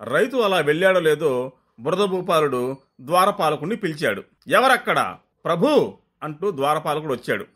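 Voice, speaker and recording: A man narrating a scripted comic folk tale in a lively storytelling manner. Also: a little high, brisk.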